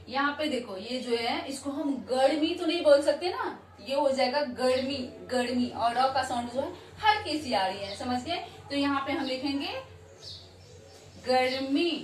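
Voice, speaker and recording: A woman teaching a Hindi lesson to children, who repeats words slowly and often checks that they understand. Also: high-pitched. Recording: echoey room, voice from far off.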